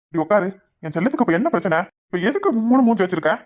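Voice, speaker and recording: A voice actor plays a young village husband in a cartoon, coaxing and sweet-talking in a Kanyakumari Tamil accent. His middle-pitched delivery is very fast, pleading, and sing-song.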